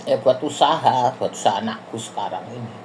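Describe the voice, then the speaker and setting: Speaking a little fast in a rumbling low, darkish voice, this middle-aged woman from Indonesia vlogs a meandering travel tale. She addresses her audience casually and keeps calling them friends, over faint background noise.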